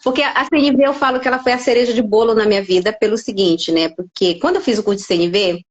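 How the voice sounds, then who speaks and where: A woman's voice: mid-range voice, fast talker. A middle-aged Brazilian woman who speaks Portuguese and tells stories in a podcast conversation, acting out the dialogue she quotes. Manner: expressive storyteller, acts out quoted dialogue. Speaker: podcast guest, life coach. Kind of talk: casual conversation.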